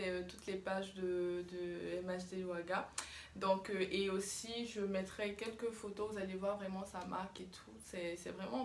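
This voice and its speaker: A woman's voice: medium pitch, slight background noise. A young woman hosting a casual video interview, chatty and encouraging toward her guest. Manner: chatty, encouraging, quick to laugh. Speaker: YouTube host, interviewer. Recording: echoey room, faint ambience.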